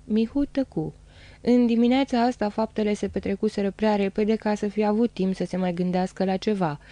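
A woman narrating an audiobook of a novel in a steady, dramatic storytelling manner. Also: medium pitch, no room sound. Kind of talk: audiobook reading.

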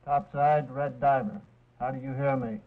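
A man's voice: mid-range voice, level tone, moderate pace. Man on a tinny diver intercom. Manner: clipped radio-check calls. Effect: diver helmet intercom. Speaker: deep sea diver. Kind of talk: scripted training film dialogue. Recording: tinny old training film sound, distant intercom.

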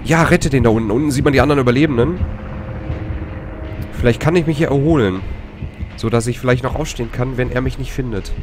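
A man plays a horror game and talks through it, cursing and groaning with nerves. His voice sits at an ordinary middle pitch. Loud game music plays behind him the whole time. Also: fast. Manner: swears a lot, panicky outbursts and whispered hisses. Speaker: let's play gamer. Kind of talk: live horror game commentary.

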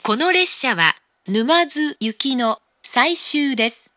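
A woman making formal, scripted train station announcements in a measured, carefully enunciated way. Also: high-pitched, expressive, bright, forceful tone, no room sound, dull audio.

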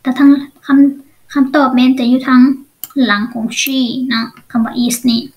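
In a low-quality recording, a high-voiced woman with a Lao accent teaches English online, speaking very slowly with fairly even intonation. She takes the lesson one step at a time and keeps checking understanding with brief questions.

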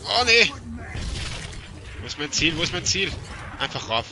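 A man's voice: on the high side, big pitch swings, measured pace, noisy background. Jumpy young German-speaking gamer man. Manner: shouting, jumpy, swings between panic and boasting. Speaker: Let's Play gamer. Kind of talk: excited gameplay commentary.

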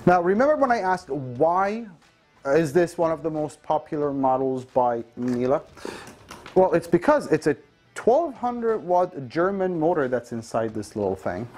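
A man's voice: on the high side, sing-song, a little slow, a little mellow, soft background music. A man in his thirties presenting a vacuum cleaner in a studio, explaining its features in an upbeat sales manner with occasional fillers. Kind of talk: product demonstration. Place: dark studio showroom, indoors.

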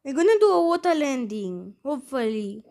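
High-voiced woman doing exasperated game commentary. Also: very animated, moderate pace, creaky, dark tone. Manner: rambling, exasperated, talks to viewers. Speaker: gaming channel host. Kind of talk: casual gameplay commentary.

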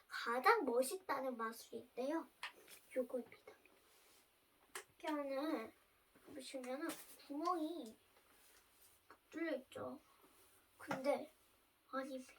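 A young girl presenting a magic show to viewers in a bright, sing-song way. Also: high voice. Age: child. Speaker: amateur magician presenting a trick. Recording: distant microphone, noticeable background noise.

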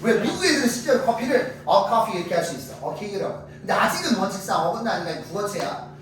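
A man teaching English grammar to a class, drilling students with quick questions and lively explanations. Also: high-pitched. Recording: echoey classroom from far off, faint noise.

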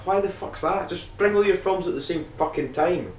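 A man's voice: high-pitched, moderate pace. Sweary man in an echoey room. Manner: sweary, rambling, jokey. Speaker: podcast host reviewing films. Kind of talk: casual rambling review. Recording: echoey room with faint hiss.

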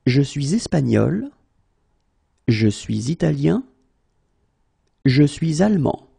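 A man's voice: a little high, sing-song, slow pace, vocal fry, dark tone, breathy edge, no echo, studio quality. A man teaching French phrases, saying each one, then breaking it into single words, then saying it again. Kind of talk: slow phrase drills for learners.

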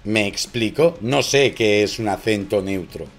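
A man's voice: fairly low pitch, a little slow, soft background music. A man with a Spain Spanish accent, chatting casually on a live stream, rambling, joking and repeating himself.

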